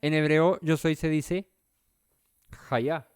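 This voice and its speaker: A man's voice: fairly high pitch, steady tone, slow, clean tone, no room sound. A man leading an interactive Bible study, talking in a conversational way and often asking the listeners questions. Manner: conversational, thinks aloud.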